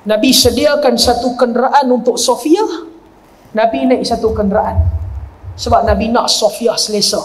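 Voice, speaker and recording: A middle-aged man delivers a religious lecture. He keeps it lively with jokes and acts out the people he quotes. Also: very high voice, moderate pace, low-quality recording. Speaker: preacher.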